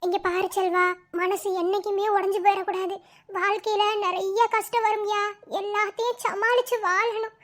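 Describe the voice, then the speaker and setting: A performer voicing a sharp-tongued but loving middle-aged village mother in a cartoon, with a Madurai Tamil accent. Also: very high-pitched, little pitch movement, moderate pace. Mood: tender, consoling. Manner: scolding, sharp-tongued, then tender. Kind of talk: cartoon voice acting.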